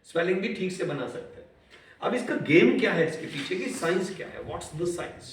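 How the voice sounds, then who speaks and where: High-voiced man lecturing in an echoey classroom. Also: sing-song, slight background noise. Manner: mixes Hindi and English, quizzes students, stretches words out slowly. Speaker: professor teaching a class. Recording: echoey classroom, far from the mic.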